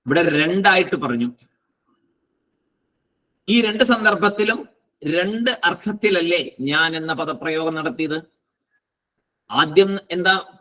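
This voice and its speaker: Man teaching spiritual philosophy, slightly high voice, talks real slow, keeps asking questions then answering them. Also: pushed and bright, low-quality recording. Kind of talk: Vedanta philosophy class lecture.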